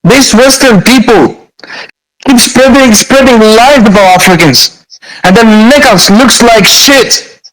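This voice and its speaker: A man from Algeria calling in, speaking earnestly and halting, growing heated. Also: very high voice, fairly bright tone, poor audio. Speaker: caller.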